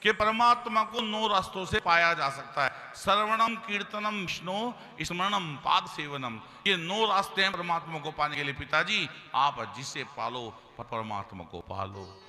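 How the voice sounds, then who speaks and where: A man's voice: on the high side, unhurried, pushed and bright. A man telling a devotional story as a sermon, acting out the characters' dialogue and chanting verses. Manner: chants Sanskrit verses melodically. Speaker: kathavachak preacher. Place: large hall, religious gathering. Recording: reverberant hall with music.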